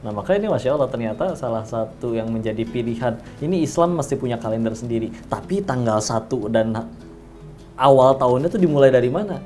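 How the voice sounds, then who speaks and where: Man hosting a calm faith talk. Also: mid-range voice, fast talker, faint music behind. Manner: responds often with warm affirmations and explains calmly. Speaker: host. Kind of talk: conversational religious talk.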